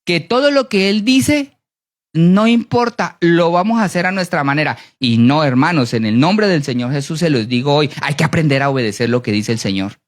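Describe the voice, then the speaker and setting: A preacher giving a sermon, animated, often asking the congregation to answer yes or no. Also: normal speed. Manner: animated, with big swings in pitch and pace.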